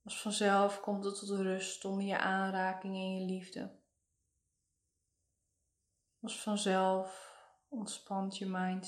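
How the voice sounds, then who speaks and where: A woman leading a guided meditation in a soothing, hushed, lingering delivery. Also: mid-range voice, roomy sound.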